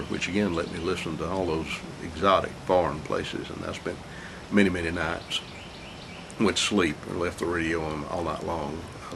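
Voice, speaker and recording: An older man with a low, congested, croaky voice reminisces about his life in a casual monologue, alone at home, rambling and halting with small chuckles. He's a vlogger telling his life story, recorded on a camera mic with noisy home audio.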